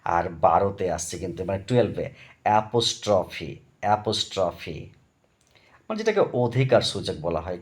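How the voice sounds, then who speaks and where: Chatty tutor in his fifties. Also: medium pitch. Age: 50s. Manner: chatty, digressive, repeats terms for emphasis. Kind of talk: spoken English grammar lesson.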